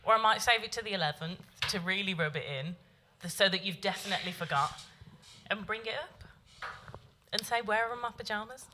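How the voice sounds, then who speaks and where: A woman's voice: medium pitch, brisk, pushed and bright, slight background noise. A young woman co-hosting a casual radio talk show, with a dry, teasing way of talking and easy laughter. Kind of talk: casual chat. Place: radio studio.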